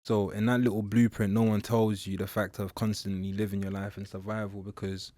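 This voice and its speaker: A young man born in Nigeria, a mentor and public speaker, telling his story in an interview in a halting, reflective way with many fillers. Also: fairly low pitch, level tone, warm tone, no room sound, studio quality. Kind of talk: candid personal interview.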